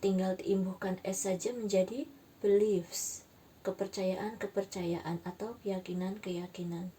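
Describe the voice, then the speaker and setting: A woman teaching an English grammar lesson, slowly spelling out letters and repeating each example word. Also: medium pitch, steady tone, warm tone, recorded from a distance, a little hiss or hum. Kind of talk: slow, careful grammar lesson.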